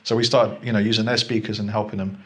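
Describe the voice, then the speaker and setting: A man talks fast in a relaxed interview. He is chatty and laughs easily, often restarting sentences and piling on fillers. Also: on the low side, a little hiss or hum. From England. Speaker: gallery founder, guest. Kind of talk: casual interview chat.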